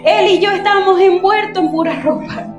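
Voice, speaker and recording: A woman's voice: very high voice, fairly quick, dull audio. A woman pastor giving a fervent, emotional testimony as a sermon. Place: church sanctuary. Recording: echoey church hall with music underneath. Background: music.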